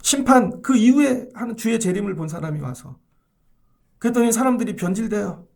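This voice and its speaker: A man's voice: high-pitched, animated, fairly quick, creaky, a little mellow. A man pastor preaching a sermon, emphatic, often asking the congregation rhetorical questions.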